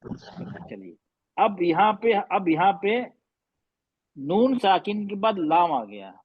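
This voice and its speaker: A man teaching a recitation class, patiently explaining and slowly drawing out and repeating recited words. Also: high-pitched, very animated, slightly rough, no echo, dull audio.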